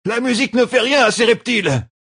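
A man doing a jittery old man, high and gravelly. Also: a little fast, dry recording, studio quality, heavily acted. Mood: urgent. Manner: shouted, urgent.

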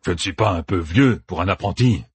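A man's voice: sits low, a little fast, slightly rough, no echo, exaggerated voice. A man doing a grumbling one-eyed veteran. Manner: plaintive, grumbling objections. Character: grizzled one-eyed older soldier, grumbling.

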